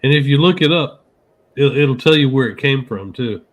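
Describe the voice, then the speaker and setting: A man's voice: mid-range voice, animated, normal speed. A man in a casual podcast chat who adds short, laid-back remarks. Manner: laid-back, brief interjections.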